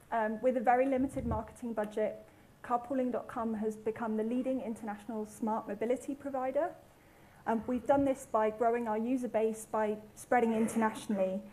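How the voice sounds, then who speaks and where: A woman's voice: a little high, warm tone, a little hiss or hum, poor audio. A woman from the UK, giving a rehearsed conference presentation with brief fillers. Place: conference hall.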